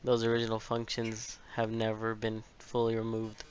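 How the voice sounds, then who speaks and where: A man's voice: lowish voice, completely flat delivery, moderate pace, very noisy, close to an everyday voice. Man reading as a vain, menacing showbiz robot. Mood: menacing, showy. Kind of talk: reading game dialogue aloud.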